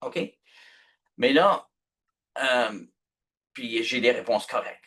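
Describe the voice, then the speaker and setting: A man's voice: mid-range voice, takes it slowly, fairly bright tone. A man teaching a live online workshop, patient and chatty, checking in often with his class. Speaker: instructor.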